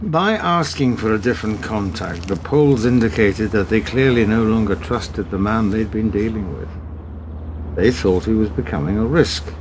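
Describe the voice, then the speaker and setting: In a radio play, a male actor with a lowish, near-everyday voice portrays a calm British spy confronting a colleague who betrayed him. His tone is cold and accusing, composed and deliberate, and there's background noise in the recording.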